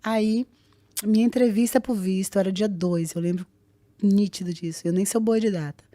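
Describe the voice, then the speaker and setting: Rio-woman guest, warm and mellow, lively storyteller who acts out dialogue, dry close sound. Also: mid-range voice, no echo. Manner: animated, acts out dialogue in quick voices. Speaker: guest, jiu-jitsu fighter. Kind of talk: personal storytelling on a podcast.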